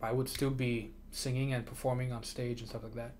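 Here the host speaks a little fast at medium pitch, in a level, slightly mellow tone. Originally a Chinese speaker who moved to America, he chats casually with people in his chat, frequently laughing and repeating himself.

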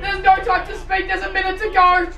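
High-voiced woman shouting game commentary. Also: monotone, fairly quick, creaky. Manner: cheers, groans and shouts at every play. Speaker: gamer commentating their own match. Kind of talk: excited live game commentary. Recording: roomy, slightly distant home mic with game audio.

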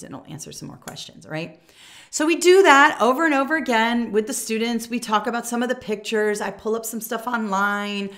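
Speaking from a small furnished room, the American teacher trainer in her forties has a mid-range, somewhat bright voice. She runs through a classroom lesson demonstration in a conversational, emphatic manner, regularly checking in with the listener.

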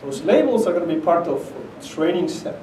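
Very animated and fairly quick, a middle-aged Argentine man speaks at a conference in a somewhat high, mellow voice, often tossing in "okay?" as he talks emphatically and conversationally. His accent is Argentine Spanish. The room is an echoey conference space with a projector screen, recorded from afar with slight hiss or hum.

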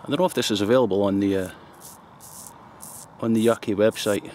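Scottish man, 50s, shaving vlogger, joking casual chat outdoors in the woods, slightly low voice. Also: a little fast, darkish tone, a little hiss or hum. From Scotland. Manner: chatty, joking asides, laughs often. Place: forest outdoors. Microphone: camera close up at arm's length.

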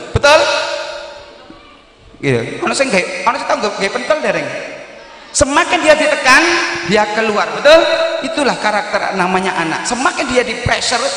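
A man with a Javanese accent giving an interactive religious talk on parenting, quizzing and coaxing his village audience. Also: sits high. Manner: lively, quizzes and coaxes the audience. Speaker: Islamic parenting speaker. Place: village hall. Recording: echoey hall sound.

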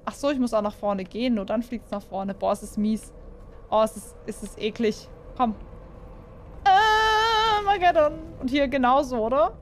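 A woman's voice: mid-range voice, moderate pace, faint music behind. A young woman playing a horror game and commenting for her viewers, jumpy and full of exclamations, often asking them questions. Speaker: gaming YouTuber.

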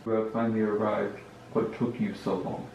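A man playing a cold, commanding Sith master who speaks in a flat, gravelly voice. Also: on the low side, normal speed, noisy background. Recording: muffled echoey home video.

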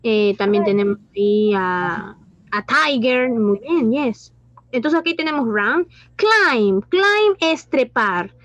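Woman teacher, high slow voice, dull dry sound. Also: lively intonation, a bit bright, dry recording. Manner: mixes Spanish and English, asks questions and praises pupils. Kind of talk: online class teaching.

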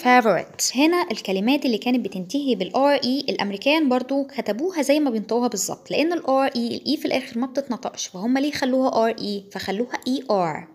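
A young woman with an Egyptian Arabic accent giving a pronunciation lesson, explaining slowly and repeating example words aloud. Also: on the high side, a little mellow. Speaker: English teacher.

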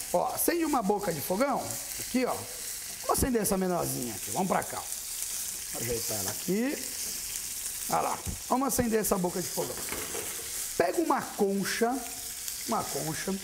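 A lively Brazilian man, a TV cooking show chef, chats directly to viewers while demonstrating a recipe on a studio kitchen set. His voice is high-pitched with vocal fry, and frying and sizzling sound in the background along with slight noise.

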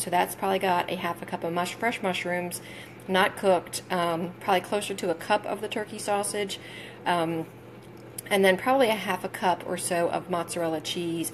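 A woman's voice: lowish voice, background noise. A woman in her forties, chatty and full of ums, talking viewers through her meal prep in a home kitchen on a handheld phone. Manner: chatty, friendly, many ums, talks to viewers. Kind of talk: casual live video walkthrough. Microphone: phone held in hand.

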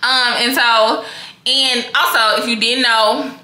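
Vlogger, young woman, Mississippi accent; very bright, sharp tone; big confident personality; echoey room. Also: fairly high pitch, slow pace. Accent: Mississippi Southern. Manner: big, animated and confident, talks straight to viewers. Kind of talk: casual talk to camera.

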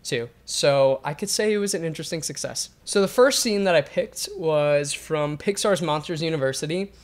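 A man's voice: fairly high pitch, moderate pace. A young man talking casually and explanatorily to camera, hesitant and thoughtful, in a living room. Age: young adult. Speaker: composer, presenter. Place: bright living room with grand piano.

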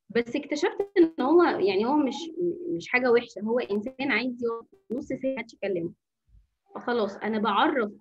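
A woman with an Egyptian Arabic accent runs an informal anger-management workshop as a teacher, talking at a quick clip. Her voice is a little husky and breathy and sits slightly high. She coaches through rhetorical questions and mixes in English phrases, and the audio is dull and lo-fi like an online session. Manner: coaching, asks rhetorical questions and answers them.

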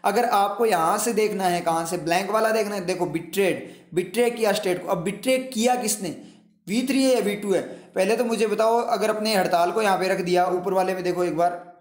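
Speaking briskly in Hindi mixed with English, a high-voiced male English teacher leads an exam lesson, working through each option step by step. He keeps throwing rhetorical questions at his students. A hollow echo suggests a bare room.

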